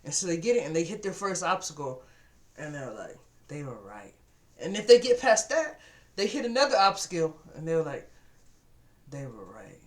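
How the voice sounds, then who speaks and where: A man's voice: high voice, big pitch swings, a little fast. A man giving a casual motivational talk to his webcam, telling stories and acting out what people said. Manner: storytelling, acts out quoted voices, repeats words. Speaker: vlogger. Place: at home at a computer.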